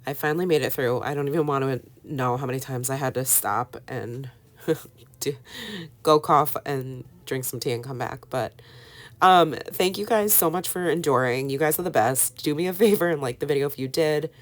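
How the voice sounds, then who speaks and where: A middle-aged woman with a sick, hoarse voice, chatting casually through a voiceover walkthrough from home with lots of fillers. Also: rumbling low, normal speed. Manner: chatty, relaxed with many fillers. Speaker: scrapbooking vlogger.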